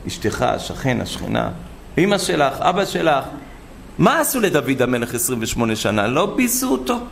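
A man preaching a sermon full of stories, animated and acting out the voices of the people in them. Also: mid-range voice, creaky, slight background noise. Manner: animated, acts out quoted voices. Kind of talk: sermon with storytelling.

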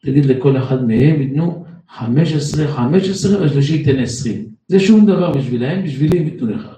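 A man's voice: on the high side, expressive, mellow, a little hiss or hum, natural voice. A man voicing a wise, kindly elderly rabbi who gives reassuring instructions, in a roomy echo from a distant mic.

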